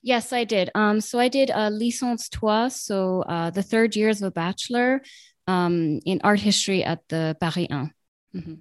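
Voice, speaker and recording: Being interviewed as a guest, this woman in her late twenties, a translator and radio journalist, talks in a mid-range voice at normal speed, chatting with plenty of ums and correcting herself often. Born in Italy, she grew up between Italy, the US and Ireland, and the recording is dry and studio quality.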